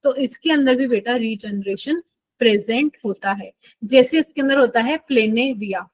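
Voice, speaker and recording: A woman with a high, light voice teaches a live online biology class. She speaks casually and keeps checking whether her students are following. Her voice is picked up dry and close, with no room sound. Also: moderate pace, darkish tone, no echo, low-quality recording. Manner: chatty, checks in with students often.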